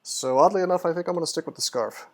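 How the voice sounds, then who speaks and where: A man giving live gameplay commentary in a casual, thinking-out-loud way. He muses over choices, hesitates with ums, and restarts sentences often. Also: a little high, fast talker. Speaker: game streamer.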